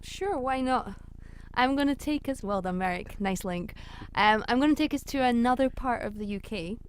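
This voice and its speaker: A woman's voice: a little high, animated, moderate pace, a little hiss or hum. A woman co-hosting a casual chat, explaining things patiently and step by step. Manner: explanatory, patient, light laughs. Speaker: podcast co-host.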